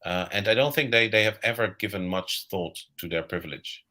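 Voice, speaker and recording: A middle-aged man from the Netherlands, a guest author with a Dutch accent, speaks reflectively in a live video-call interview, often repeating words as he thinks. The talk is casual. His voice sits on the low side and is bright and forceful, moving at a fairly quick pace.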